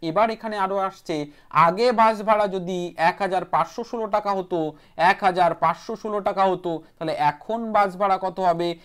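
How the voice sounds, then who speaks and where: Lady doing a quick math class online, talks thru each step, says things twice. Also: on the low side. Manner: brisk, repeats key steps and numbers aloud. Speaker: math teacher. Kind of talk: online exam-prep math lesson.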